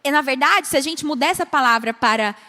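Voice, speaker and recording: A Brazilian woman pastor teaching at a conference, animated, acting out short dialogues and asking the audience questions. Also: high voice, fast. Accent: Brazilian Portuguese. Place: large conference hall. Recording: long hall reverb.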